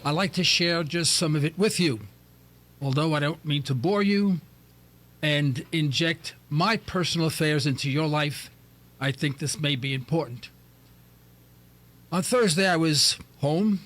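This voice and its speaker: A man's voice: a little high, fairly bright tone. A middle-aged man hosting a talk radio show, telling a jokey story and now and then mimicking other people's voices.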